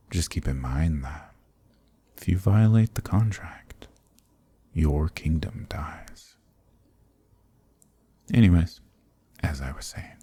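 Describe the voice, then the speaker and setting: In a dark fantasy ASMR roleplay, a man with a bass voice plays an ancient archdemon, smug, amused and condescending. He murmurs breathily with teasing, leisurely politeness, in an exaggerated voice with no room sound.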